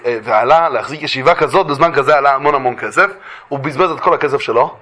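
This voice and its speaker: A man teaching a religious lesson as an animated story, acting out the voices of the figures. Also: medium pitch.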